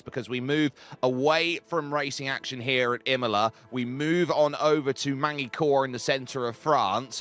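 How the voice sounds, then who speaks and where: A man's voice: on the high side, a bit bright. A man hosting a sim racing broadcast, asking drivers fluent, polished questions. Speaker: broadcast host. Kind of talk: sports broadcast interview.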